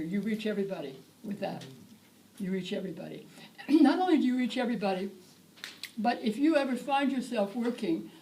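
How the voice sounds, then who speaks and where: An older woman giving a lively lecture to teachers, demonstrating chants with rhythm and repetition. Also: a little high. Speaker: teacher trainer. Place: lecture hall. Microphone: tablet recording from the audience. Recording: distant room recording with faint hiss.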